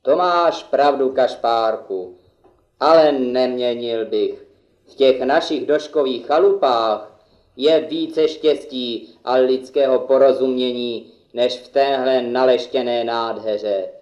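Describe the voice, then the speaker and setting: A man's voice: medium pitch, darkish tone, lightly acted. Man as blunt peasant fellow, roomy sound. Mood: frank, firm. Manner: blunt, folksy. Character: Jíra, plain-spoken, defiant peasant fellow. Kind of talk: puppet theatre play. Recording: dull, roomy recording.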